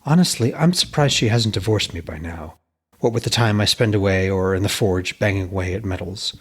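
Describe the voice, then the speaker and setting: Storybook smith, played by a male narrator: hearty family man, chatty and deferential, husky voice with upward swoops. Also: deep voice, a little fast. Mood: friendly, apologetic. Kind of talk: dramatised reading of a myth tale.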